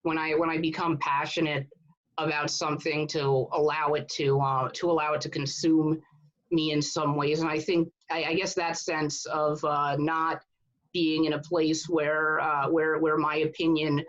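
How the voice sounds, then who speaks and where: A man's voice: a little high, little pitch movement, measured pace, fairly bright tone. A man in his thirties from Connecticut, talking casually as an interview guest, often restarting and repeating words. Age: 30s. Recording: dull, muffled sound.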